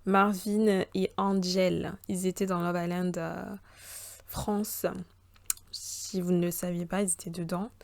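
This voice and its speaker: Speaking slowly in a fairly low voice with little pitch movement and no room sound, this twenty-something podcast host from the Republic of the Congo and the Central African Republic runs her solo show casually. She chats in slang, swears on her mother and switches into different voices.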